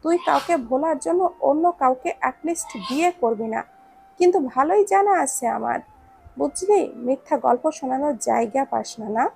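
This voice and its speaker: A woman's voice: sits high, expressive, moderate pace, gravelly, darkish tone, slight background noise. A woman doing a nosy, teasing young man. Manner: chatty and teasing.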